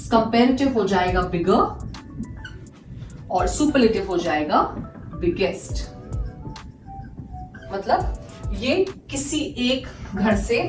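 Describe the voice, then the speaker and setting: Slow, patient woman teaching grammar. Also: mid-range voice. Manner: patient, asks and answers own questions, repeats examples. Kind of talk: classroom-style grammar lesson. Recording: echoey room, mic at a distance, faint music.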